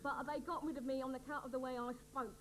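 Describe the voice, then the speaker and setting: A woman's voice: sits high, steady tone, fast, lightly acted. An actress playing a chirpy, cheeky woman guest on a chat show, with a Cockney accent, in a sketch comedy. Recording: noisy old TV recording.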